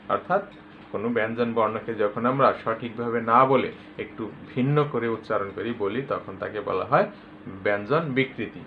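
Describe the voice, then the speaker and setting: A man teaching a grammar lesson to school students, patiently explaining and repeating example words with loud stress. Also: medium pitch, a little hiss or hum. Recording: tinny lo-fi phone-like recording.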